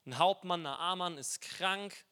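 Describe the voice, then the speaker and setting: Guy preaching a sermon, high bright voice, casual and playful. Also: takes it slowly. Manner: lively, colloquial, playful storytelling.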